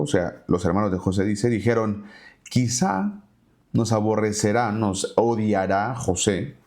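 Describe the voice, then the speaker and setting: A man with a lowish, darkish voice leads a Bible study. He reads verses aloud and then retells them conversationally in casual, everyday words.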